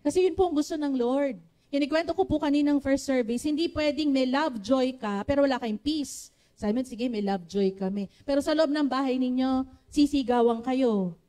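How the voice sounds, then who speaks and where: Filipino-accented woman preacher, loud voice, fairly high, mellow tone, sermon in church. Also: moderate pace. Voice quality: naturally loud voice. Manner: switches between Tagalog and English, asks the congregation for responses.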